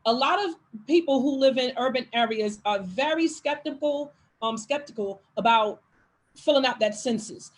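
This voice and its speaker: A woman interviewer with a high voice asks her questions in a hurry. She fills her pauses with frequent ums. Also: low-quality recording. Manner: hurried, with many ums.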